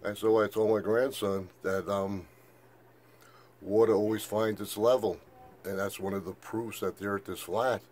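An older man with a lowish voice rambles on in a meandering monologue, stacking up fillers and retelling each exchange with "I said". A faint hiss sits under the audio. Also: steady tone, unhurried, darkish tone. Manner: meandering, repeats "I said", many fillers. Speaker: flat-earth video maker.

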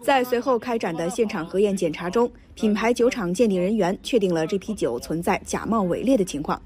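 A woman's voice: mid-range voice, lively intonation, fairly quick, a little mellow. A woman reading scripted news narration in voice-over.

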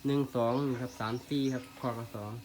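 A man's voice: medium pitch, fast talker. Isan farmer guy chatting at his cow pen, polite, bit of outdoor noise. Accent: Isan (Northeastern Thai). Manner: relaxed, polite, ends phrases with "khrap phom". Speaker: farmer vlogger. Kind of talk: casual farm vlog narration.

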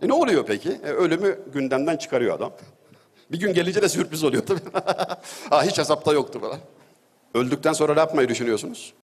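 A man's voice: on the high side, big pitch swings, fast talker. A middle-aged man giving a religious talk, telling anecdotes with wry humor and an easy storytelling manner. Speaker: religious speaker. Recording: long hall reverb.

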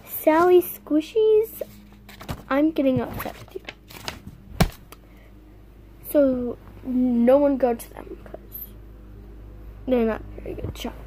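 A woman vlogging an unboxing, talking straight to her viewers in a halting, complaining way. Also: high voice, expressive, dark tone, a little hiss or hum. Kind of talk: casual unboxing chat to viewers.

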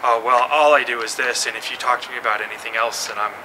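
A man's voice: medium pitch, steady tone, fast talker. A man in his thirties giving a casual interview outdoors, easygoing and laughing often at himself, recorded on a camera mic. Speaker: mountain bike website staffer. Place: outdoors by a building wall. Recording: noisy outdoor camera audio.

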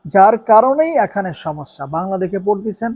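A man giving religious instruction in an earnest, instructive way, slowly drawing out the recited Arabic phrases. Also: high-pitched, expressive, a little mellow. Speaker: Islamic devotional teacher.

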